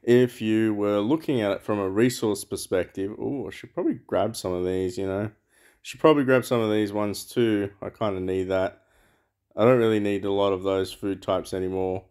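A man's voice: lowish voice, normal speed, a little mellow, smooth. A man giving rambling, casual commentary over a mobile game, thinking aloud with lots of fillers. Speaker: mobile game channel host.

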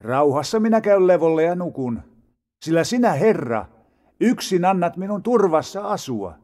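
A man reading psalms aloud in a solemn, measured way with dramatic rises and falls. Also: high-pitched, very animated, darkish tone. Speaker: Bible reader. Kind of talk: scripted scripture reading.

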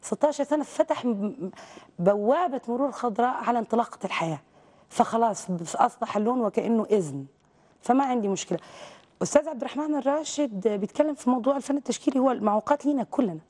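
A woman's voice: a little high, animated, fast, darkish tone. A woman from Saudi Arabia, a visual artist, giving outspoken and emphatic answers as a guest in a TV interview. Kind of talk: TV interview conversation.

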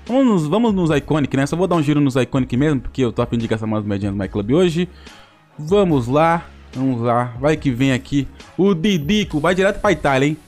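Man, young adult, Brazilian accent, animated game commentary, high voice, soft background music. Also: brisk. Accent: Brazilian Portuguese. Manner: animated, groaning and laughing at bad luck. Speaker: mobile football game YouTuber. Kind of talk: excited gameplay commentary.

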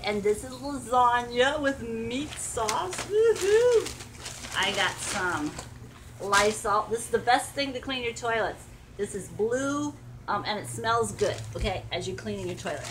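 In this casual haul vlog, an older woman chats while unloading shopping bags at home, wandering between topics and talking sweetly to her dogs. Her voice is a little high, and there is background noise. She moves between a porch and a carpeted room.

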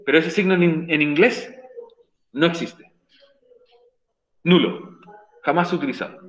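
A man explains grammar to his online class, patient and repetitive, stressing each point twice. His voice sits a little high. The sound carries a roomy echo over the video call. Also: a little slow, a bit bright. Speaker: English teacher.

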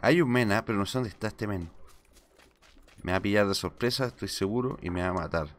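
A man streaming live gameplay, talking excitedly to himself and greeting his chat. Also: lowish voice, fairly quick.

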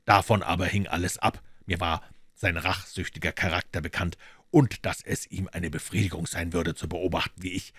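Man reading as a calm clever detective, deep voice, dry sound, measured, audiobook. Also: breathy edge, dry recording. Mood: explaining.

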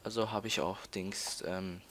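A man's voice: low voice, fairly even intonation, unhurried, bright, forceful tone, a little hiss or hum. A teenage boy from Austria, chatting while playing a game, stalling and repeating words with many fillers. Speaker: let's player. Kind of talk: casual gameplay commentary.

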